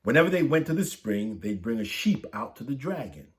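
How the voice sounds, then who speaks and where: A man of medium pitch reads a saint's story aloud for kids, moving a little fast. His storybook delivery is lively, and his voice rises for the dialogue.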